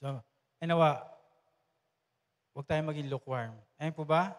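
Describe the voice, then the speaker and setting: A man, a pastor preaching a sermon in a measured way. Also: fairly high pitch, in a large hall. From Philippines. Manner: measured, searches notes aloud.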